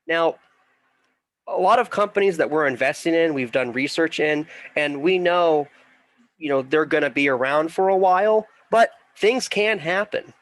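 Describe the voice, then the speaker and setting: A man's voice: a little high, normal speed, fairly bright tone, no room sound. A middle-aged man talks through a casual online investing lesson. He sounds congested and rambles, full of fillers and restarts. His voice is close and dry. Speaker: investing class teacher. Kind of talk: casual online class talk.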